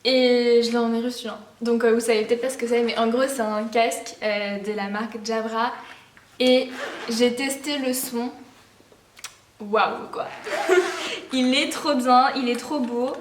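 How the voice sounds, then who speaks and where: A woman's voice: on the high side, little pitch movement, moderate pace, roomy sound, far from the mic, a little hiss or hum. A teenage girl chatting in a casual gift-haul vlog, bubbly and rambling, with lots of fillers and restarts. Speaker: vlogger.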